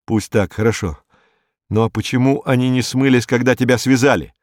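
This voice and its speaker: Man doing a gruff, curt police inspector. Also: medium pitch, a little fast, no room sound, studio quality, lightly acted. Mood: tense. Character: stern, tough male police inspector, middle-aged.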